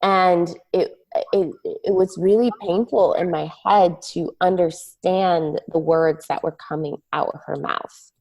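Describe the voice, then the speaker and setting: A woman guest on a podcast, telling a personal story earnestly, halting with many "um" and "like" fillers. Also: on the low side, steady tone, a little mellow.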